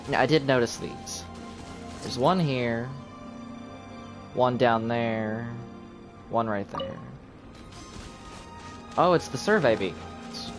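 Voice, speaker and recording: This game streamer has a medium-pitched, expressive voice and talks slowly with long pauses. Game music plays behind his casual live commentary as he thinks out loud while playing.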